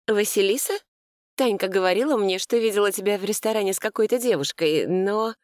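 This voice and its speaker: A woman reading an audiobook and voicing a spoiled, haughty young woman with a high, squealing voice. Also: quick pace, darkish tone, no room sound, clean studio sound, close to an everyday voice. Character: shrill spoiled young woman, easily frightened.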